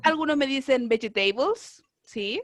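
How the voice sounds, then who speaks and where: A woman teaching an online English class, encouraging and drilling words slowly with frequent checks. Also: sits high, a bit bright, no echo. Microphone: video call.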